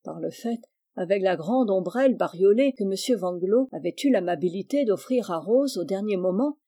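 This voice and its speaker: A woman reading a children's novel aloud, clear and evenly paced in her storybook narration. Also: medium pitch, animated, moderate pace, warm tone. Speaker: audiobook reader.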